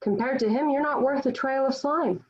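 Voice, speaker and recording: Through muffled, low-fidelity video-call sound, a woman reads the part of a pious, defiant young Joan of Arc, her formal, old-fashioned lines full of scorn. She has a high, natural voice and keeps a moderate pace.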